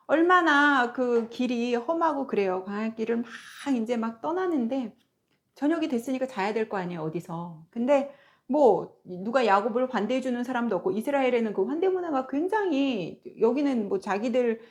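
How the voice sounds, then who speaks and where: A woman teacher retelling a Bible story in a lively way, often turning to her listeners with questions. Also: fairly high pitch, moderate pace. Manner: lively storytelling, asks the audience rhetorical questions.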